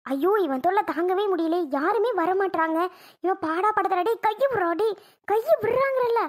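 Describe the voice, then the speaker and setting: Woman voicing a cartoon young wife, very high-pitched, shrill, scolding, exasperated. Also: moderate pace. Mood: angry. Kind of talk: cartoon voice acting.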